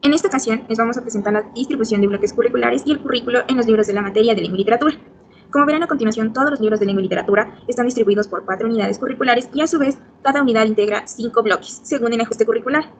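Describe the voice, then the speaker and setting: A woman gives a brisk scripted presentation of a school curriculum. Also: on the high side, a little hiss or hum.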